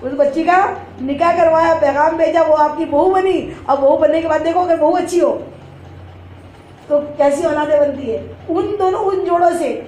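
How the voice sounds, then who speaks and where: High-voiced woman preaching in an echoey hall. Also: a little mellow. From India. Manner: asks the audience rhetorical questions and answers them; repeats phrases for emphasis. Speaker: Islamic religious teacher. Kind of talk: religious lecture to women. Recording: echoey room with faint background noise.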